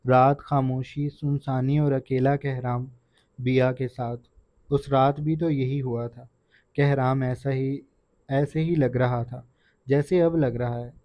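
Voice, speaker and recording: Guy reading a romance novel out loud, steady earnest voice, mid pitch, muffled dry audio. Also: no echo. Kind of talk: audiobook narration. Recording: dull, dry lo-fi recording.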